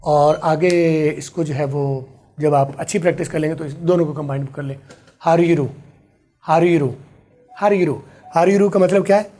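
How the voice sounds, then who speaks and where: A man teaching an online English lesson, his voice dark and a little husky. He explains patiently and drills each phrase over and over, writing as he talks. He speaks a shade higher than most men. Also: a little fast. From Pakistan. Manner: writes on a board while explaining.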